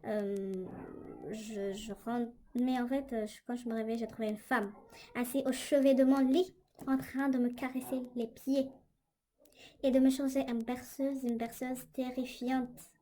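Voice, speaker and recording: A young woman vlogger tells a story casually indoors, her slightly high, warm voice unhurried and fairly even in intonation. She's chatty and hesitant, full of fillers, and it's recorded on a tablet's microphone.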